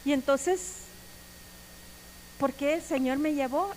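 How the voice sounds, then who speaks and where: A middle-aged woman, giving an earnest personal testimony sermon in a strong, loud voice. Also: sits high, slow pace, slight background noise, low-quality recording. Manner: strong, loud voice, cannot speak softly; earnest, emotional storytelling. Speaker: preacher.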